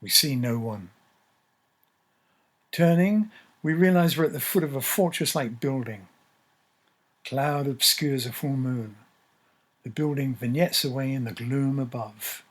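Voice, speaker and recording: A male narrator reads a scripted story at a measured, descriptive pace. His voice is husky, with a slightly rough grain. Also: medium pitch.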